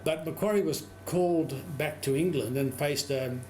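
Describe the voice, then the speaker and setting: A man's voice: a little high, moderate pace, a little mellow, a little hiss or hum. A man explaining historical detail in a lecturing conversational way. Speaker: guest researcher.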